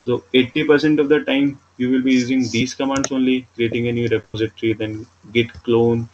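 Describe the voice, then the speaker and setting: Indian-accented man, flat tutorial delivery. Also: medium pitch, brisk. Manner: repetitive, simple step-by-step explaining. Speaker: programming instructor. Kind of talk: screen-recorded tutorial, explaining step by step. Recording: dull lo-fi mic with background noise.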